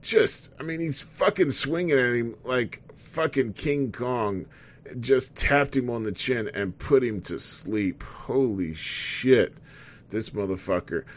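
A man's voice: mid-range voice, animated, takes it slowly. A man co-hosting a casual chat while watching a fight stream, rambling and swearing with lots of fillers. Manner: profane, rambling, frequent fillers. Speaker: co-host.

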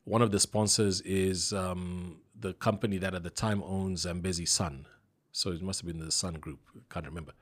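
A man's voice: low-pitched, moderate pace. A man from Zambia, a voice-over artist, telling stories casually in an interview and laughing often. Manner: relaxed storytelling, laughs often, many restarts.

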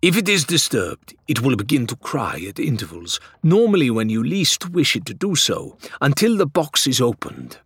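A man's voice: mid-range voice, sing-song, normal speed, hardly any pauses, fairly bright tone, slightly rough, dry recording, clean studio sound, voice pushed up, exaggerated voice. A man voicing a formal, courteous male pirate who speaks with grave precision. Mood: solemn.

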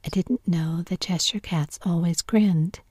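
A woman's voice: lowish voice, steady tone, unhurried, darkish tone, slightly rough, no echo, studio quality. Alice, a woman whispering as a polite girl. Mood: earnest. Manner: polite and earnest. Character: polite, curious young girl, easily flustered.

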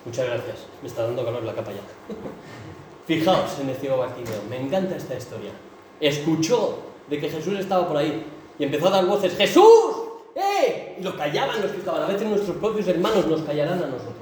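A man preaches a sermon with impassioned delivery that rises into emphatic bursts. His voice sits on the high side with a darkish tone, and he talks a little fast. Picked up by a distant mic in an echoey hall, the recording carries a little hiss or hum.

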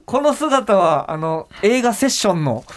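A man's voice: high-pitched, sing-song, unhurried. A man hosting a radio show, reading listener mail and joking with his guests. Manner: joking, laughs often, leads the segments. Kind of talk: casual radio chat.

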